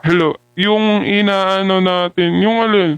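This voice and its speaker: A woman livestreaming through a voice changer that pitches her voice far down, joking and laughing with viewers. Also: fairly even intonation, measured pace. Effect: voice changer pitching the voice deep. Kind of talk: casual livestream chat. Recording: loud noise behind, distant mic.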